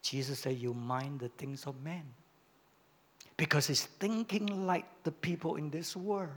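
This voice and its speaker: A male pastor preaching a sermon, swinging from loud emphatic lines to quiet, low asides. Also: measured pace.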